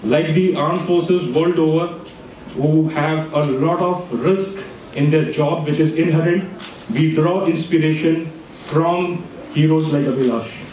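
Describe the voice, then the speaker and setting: A man with an Indian accent giving a formal tribute speech in measured phrases. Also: a little high, fairly even intonation. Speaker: armed forces representative. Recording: very echoey noisy hall, crowd, distant mic.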